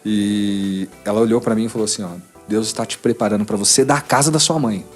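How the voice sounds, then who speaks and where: Over soft background music, a podcast guest in his forties with a São Paulo accent animatedly retells a personal experience, casually playing out remembered dialogue. He speaks at a quick pace in a lowish voice.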